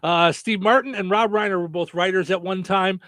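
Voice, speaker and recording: A man's voice: high voice, fairly even intonation, moderate pace, fairly bright tone, dry recording, studio quality. A man hosting a radio show in a casual, chatty style. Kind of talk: casual radio banter and phone-in quiz.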